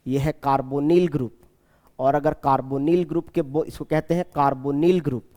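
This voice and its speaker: Man, chemistry teacher, slightly high voice, mellow tone, repeats terms, quizzes the class, long room reverb. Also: fairly even intonation. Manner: repeats key names slowly and asks the class questions. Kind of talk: classroom lecture.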